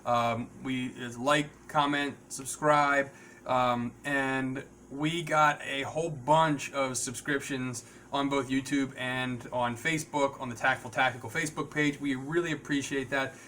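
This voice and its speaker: A man hosting a casual, unscripted podcast, rambling and halting as he repeats words and addresses viewers. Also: mid-range voice, fairly even intonation, pushed and bright, slight background noise. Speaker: podcast host.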